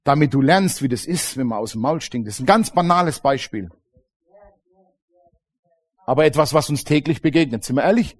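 A man preaching a sermon to a congregation, lively and colloquial, acting out little dialogues and often calling out "Amen". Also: mid-range voice, a little fast, pauses often. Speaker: pastor. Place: church congregation.

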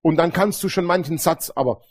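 A man's voice: on the high side, brisk, breathy edge. A middle-aged man preaching a sermon, telling stories animatedly and calling out Amen to the congregation. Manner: animated, storytelling, frequent Amen calls to the congregation.

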